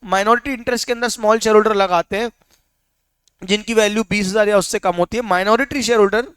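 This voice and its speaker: High-voiced male tutor quizzing students. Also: fairly even intonation, fairly bright tone, smooth, no echo. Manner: coaxing, quizzing students with quick questions; mixes English terms into speech. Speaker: teacher. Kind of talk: classroom lecture.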